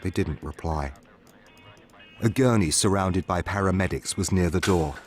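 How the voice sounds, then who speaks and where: A man who streams spooky stories, reading a horror story aloud in a steady, measured way. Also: low voice. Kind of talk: scripted horror story narration. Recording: music playing behind the voice.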